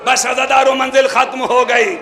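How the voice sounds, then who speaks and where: A man reciting a mourning sermon in a hall, impassioned and often shouting and chanting the lament. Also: extremely high pitch, little pitch movement, moderate pace, a crowd in the background. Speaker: majlis reciter. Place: indoor mourning hall gathering.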